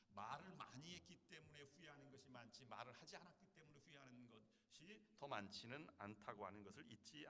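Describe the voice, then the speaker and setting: Forceful male pastor preaching in an echoey hall. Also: on the high side. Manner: earnest preaching with rhetorical questions. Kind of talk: sermon. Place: church sanctuary. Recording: echoey hall with long reverb.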